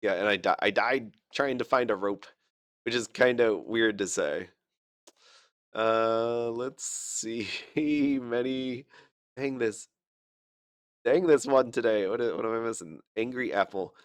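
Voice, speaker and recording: A gaming channel host who is sick and fighting a cough rambles through casual gameplay commentary, chatty and self-deprecating, full of fillers and restarts. His voice is medium-pitched and slow, captured as clean studio sound with no echo.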